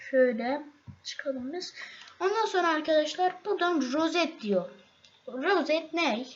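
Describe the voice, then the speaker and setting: A woman talking viewers through a software tutorial on her screen, halting often with fillers and restarts. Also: sits high, expressive. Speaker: tutorial host. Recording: slightly dull, faint noise.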